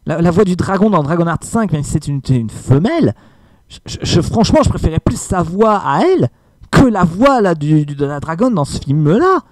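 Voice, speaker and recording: A man's voice: on the high side, very animated, normal speed, darkish tone, no room sound. A man giving a casual film review, hesitant with many fillers and emphatic asides.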